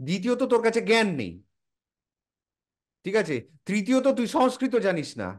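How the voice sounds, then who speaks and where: A man talks informally to a close friend, explaining a subject at length. His voice sits high and swings widely in pitch. He keeps asking rhetorical questions and then answering them himself. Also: big pitch swings, brisk. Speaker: explainer in a casual chat. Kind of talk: casual explanatory chat.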